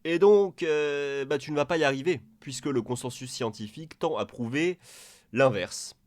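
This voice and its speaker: A man's voice: mid-range voice, moderate pace, a little mellow, no echo, studio quality. A man giving sarcastic reaction commentary, mocking and crude, talking straight to the person in the clip he is answering. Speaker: video commentator.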